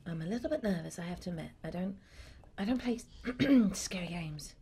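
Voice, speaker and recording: A woman voicing a nervous, prickly young woman who talks low, quiet and tense in a comedic gaming role-play. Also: lively intonation, fairly quick, slightly rough, full character voice.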